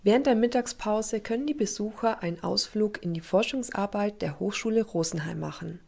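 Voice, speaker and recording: A woman reporter narrating a trade-event news segment and asking interview questions in a measured way. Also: medium pitch, creaky, very noisy. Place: lecture hall event.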